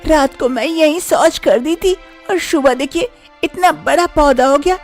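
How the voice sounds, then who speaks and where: A woman voicing a young village daughter-in-law in an animated storybook cartoon, anxious and chattering, often muttering to herself. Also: high-pitched, a little slow, soft background music, voice pushed up. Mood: earnest.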